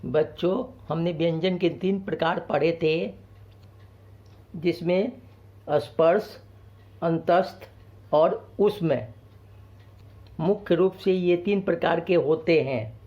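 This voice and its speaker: A man teaching a grammar lesson to children, slowly and patiently, explaining each point twice. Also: fairly high pitch, dull audio.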